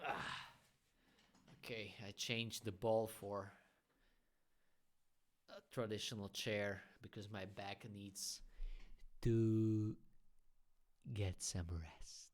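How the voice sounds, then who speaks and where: This man's voice is lowish and fairly even, very slow, with frequent pauses. He's a graffiti artist for whom English is a second language, hosting a laid-back livestream Q&A where he frankly offers opinions with friendly asides.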